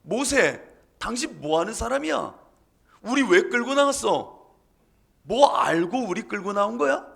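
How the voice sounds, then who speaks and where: Pastor guy playing an angry mob of ancient men yelling and jeering, pitched way up, gravelly. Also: animated, a little slow, exaggerated voice. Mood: furious. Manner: accusing, shouting, mocking. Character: angry shouting crowd of Israelite men.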